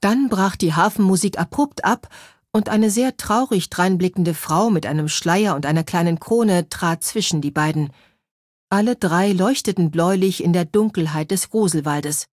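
A woman narrating a children's story in a clear, measured way. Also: on the low side, a little mellow, no echo, clean studio sound.

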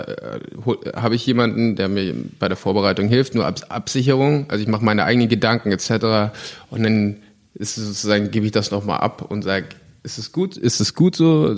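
Young male actor, lowish voice, loose and rambling, lots of fillers. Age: 20s. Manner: relaxed, rambling with many fillers and restarts. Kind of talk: casual interview chat.

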